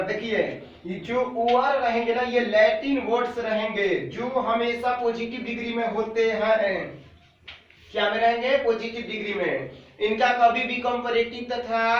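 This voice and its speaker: A man teaches grammar, drilling each rule and putting questions to the class before answering them himself. He sounds far from a dull-sounding mic in a very echoey room. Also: sits high. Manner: repeats points, asks and answers his own questions. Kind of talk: explaining grammar rules to students.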